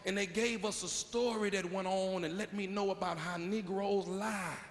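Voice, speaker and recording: A man's voice: sits high, fairly even intonation, normal speed. A man telling a comic tale in a folksy manner, talking straight to his audience. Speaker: storyteller. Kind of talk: comedic storytelling. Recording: echoey hall with faint ambience.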